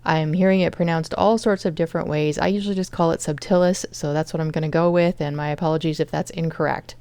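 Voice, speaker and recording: A woman with a low, slightly gravelly voice chats through her home cooking project step by step. Her tone is smooth and resonant, recorded dry with no room sound. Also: fairly even intonation, fast, a little mellow, no room sound. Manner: chatty, explains each step. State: chronic fatigue. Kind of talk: casual cooking vlog narration.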